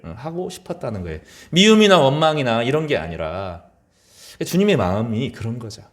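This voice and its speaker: A middle-aged man preaching a sermon as pastor, his voice rising high in quoted lines and dropping low at the end of phrases.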